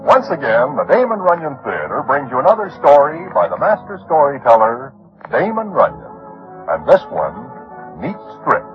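Very animated vintage radio announcer, male. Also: a little high, normal speed. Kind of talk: 1940s scripted radio announcing. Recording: muffled old radio broadcast. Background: loud music.

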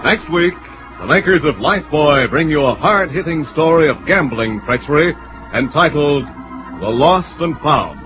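A man's voice: a little high, animated, normal speed. An American man announcing in an old-time radio style, formal and emphatic, reading scripted narration and sponsor copy. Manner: emphatic, formal salesman delivery. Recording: dull vintage radio recording, music behind. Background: music.

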